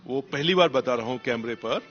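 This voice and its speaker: A man's voice: medium pitch, fairly quick, fairly bright tone, muffled recording. A man, a police officer, answering interview questions in an emphatic motivational way and repeating key phrases for stress.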